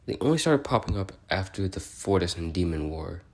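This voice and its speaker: In this in-character audio log, a deep-voiced man talks briskly and very animatedly as a curious, bookish, awkward male researcher logging notes on species. He explains in a semi-improvised way, rambling, hesitant and apologetic in a polite manner, sounding musing and curious.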